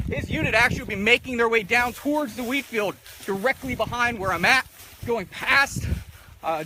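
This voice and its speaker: A man's voice: extremely high pitch, noisy background. A man outdoors telling the story of a soldier's fate in battle, narrating steadily with occasional fillers. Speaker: battlefield historian. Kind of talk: storytelling history talk. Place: outdoors in a field.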